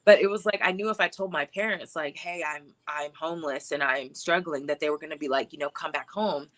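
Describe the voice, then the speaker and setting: Bright-voiced woman, reflective talk show guest. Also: low-pitched, fairly quick. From born in Hawaii, grew up in Texas. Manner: reflective, laughs easily, many filler words. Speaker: filmmaker guest. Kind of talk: casual talk show interview.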